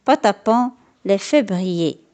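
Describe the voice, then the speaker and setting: A woman narrating a children's storybook aloud in a slow, expressive, lilting way. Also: mid-range voice.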